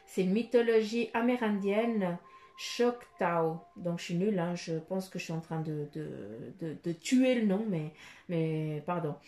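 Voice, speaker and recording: A woman's voice: lowish voice, unhurried, mellow, slight background noise. A woman giving a casual oracle card reading. She meanders, tags her phrases with little fillers and speaks straight to the viewer. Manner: meandering, with frequent "hein" and "euh" tags; addresses the viewer intimately and directly. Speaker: card reader giving daily guidance.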